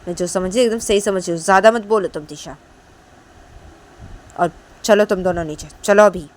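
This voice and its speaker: A woman voicing an angry mother scolding her grown daughter, shrill and loud. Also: a little fast, close to an everyday voice.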